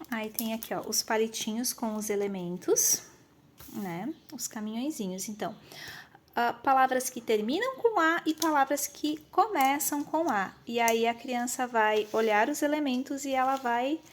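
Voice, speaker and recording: Brazilian woman, educator, casual phone demo; slightly high voice, walks through children's materials. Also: a little hiss or hum. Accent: Brazilian Portuguese. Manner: explanatory, frequent tag questions, counts aloud slowly as for children. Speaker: educator showing teaching materials. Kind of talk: casual demonstration of classroom materials. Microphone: handheld phone camera, filming one-handed.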